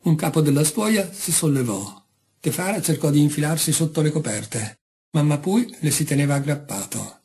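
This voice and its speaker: A man reading a short story aloud, calm and measured. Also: on the high side, husky. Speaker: audiobook reader. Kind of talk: scripted narration.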